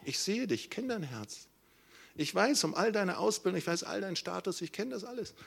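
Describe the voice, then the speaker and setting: A man's voice: sits high, animated, brisk, gravelly, breathy edge, voice pushed up, exaggerated voice. A man voicing Jesus as an earnest figure who presses a man with searching questions. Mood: pleading.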